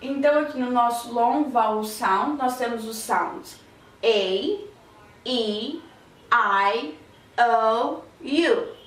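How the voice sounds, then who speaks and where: A woman teaching English vowel sounds, repeating each word slowly to drill the pronunciation. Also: fairly high pitch. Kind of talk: slow classroom-style vowel lesson. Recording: roomy echo, voice a bit far from the mic.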